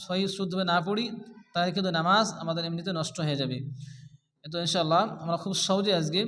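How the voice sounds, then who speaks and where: A man teaching prayer recitation, explaining pronunciation rules and then chanting each phrase slowly and drawn out. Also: sits high, fairly bright tone, in a large hall. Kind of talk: recitation lesson.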